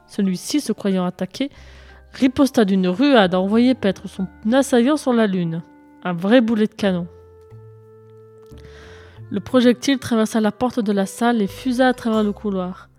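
A woman narrating a children's story in a lively, expressive read-aloud manner. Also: mid-range voice, normal speed, soft background music.

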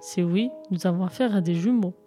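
A woman's voice: lowish voice, a little fast, mellow, faint music behind, close to an everyday voice. A woman as a wry, watchful young man.

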